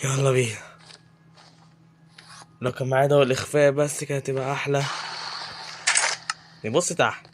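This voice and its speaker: Fast-talking Egyptian man, joking gamer. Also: mid-range voice, fairly even intonation, slight background noise. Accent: Egyptian Arabic. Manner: joking, chatty, talks to game mobs as if interviewing them. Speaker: gaming YouTuber. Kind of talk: casual gameplay commentary.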